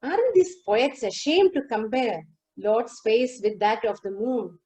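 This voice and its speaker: A woman giving a lecture demonstration over a video call, explaining song lyrics line by line and singing a few verses slowly. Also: on the high side, expressive, dark tone, a little hiss or hum, poor audio. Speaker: lecturer on Carnatic music. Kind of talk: lecture demonstration with sung lines.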